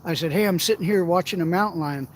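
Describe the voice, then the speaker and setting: A middle-aged man with a fairly high voice spins rambling, profanity-laced anecdotes and often laughs between them. He sits outdoors by the water, and a faint outdoor hiss runs under his voice. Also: fast talker. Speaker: outdoors vlogger. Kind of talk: casual storytelling while shore fishing.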